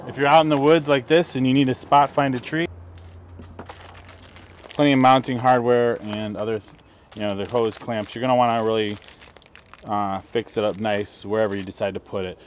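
Handling his gear, a middle-aged camping vlogger calmly goes through a product setup one step at a time, out in sunny woods next to a vehicle. His voice is on the low side, and a little hiss or hum can be heard.

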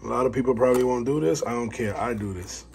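Man, casual how-to vlogger, rambly and chatty, talking while he works at home; mid-pitched voice, noticeable background noise. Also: fast talker, vocal fry, a little mellow. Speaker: dog breeder. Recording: noisy home recording.

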